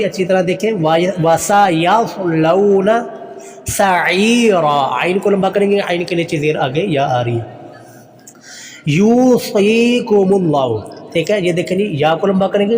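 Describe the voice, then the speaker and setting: A man with a Pakistani Urdu accent teaching Quranic pronunciation, slowly drawing out each word and then explaining the rules in plain, polite terms. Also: sits high, a little mellow, long reverb tail. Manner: uses polite filler "ji" often. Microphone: phone voice recording for a messaging class.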